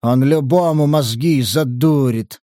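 A man's voice: mid-range voice, slow pace, mellow, no echo, clean studio sound, lightly acted. A man voicing a coarse, indignant middle-aged male abbot in an audiobook. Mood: grumbling.

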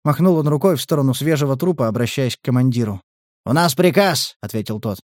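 A man narrating an audiobook in an expressive, vivid manner. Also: mid-range voice, quick pace, no echo, clean studio sound.

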